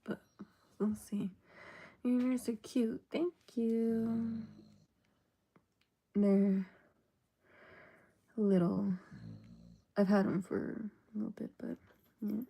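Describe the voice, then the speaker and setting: A woman's voice: mid-range voice, level tone, slow, vocal fry, pauses often, warm tone, breathy edge. A woman chatting casually on a livestream, laid-back and rambling, often dropping into a half-whisper. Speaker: livestream host.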